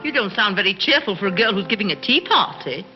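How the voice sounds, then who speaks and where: An actress playing a scatterbrained, bossy middle-aged society matron in 1930s screwball comedy banter. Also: female voice, mid-range voice, animated, quick pace, dull audio, lightly acted. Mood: flighty chiding. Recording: band-limited 1930s film soundtrack, music, party chatter.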